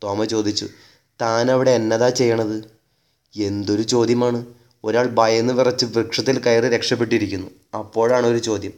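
A man reading a story aloud in a measured, wry narrating manner. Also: on the low side, fairly even intonation.

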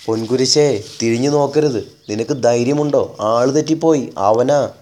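A sly, bold elephant thief, read by a man in a storybook tale, speaking in a coaxing, conspiratorial way at a steady middle pitch. His tone stays scheming, even when the plan goes wrong. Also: normal speed, close to an everyday voice.

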